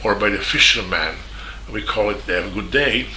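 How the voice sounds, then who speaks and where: Serbian-accented male journalist, lowish pitch, very bright, halting delivery with many pauses; echoey room, faint ambience. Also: slight background noise. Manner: halting, with many fillers and restarts. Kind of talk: spoken statement.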